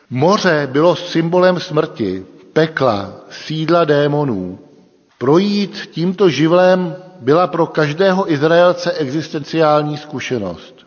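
A man preaching a sermon in a church, with a measured, deliberate delivery and emphatic pauses. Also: on the high side. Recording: long reverb, dull lo-fi sound.

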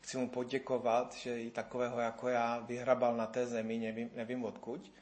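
Fifty-something preacher. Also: male voice, mid-range voice. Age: 50s. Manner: animated, rises and falls in loudness, acts out quoted voices. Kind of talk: sermon.

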